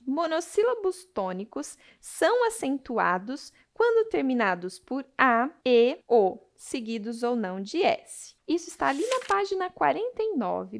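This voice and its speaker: A Brazilian woman teacher giving a recorded grammar lesson, explaining rules and slowly stressing each example word. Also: fairly high pitch, creaky. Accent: Brazilian Portuguese.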